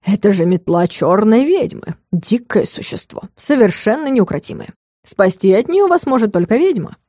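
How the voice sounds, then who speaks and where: A woman voicing a calm, sardonic male dragon in a storybook reading. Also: medium pitch, normal speed, no room sound. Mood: mocking. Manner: dry, theatrical, stubborn.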